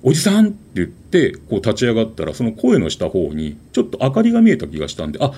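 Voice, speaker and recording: A man telling a ghost story in an animated, dramatic way, with vivid sound words. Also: on the low side, fast talker, breathy edge.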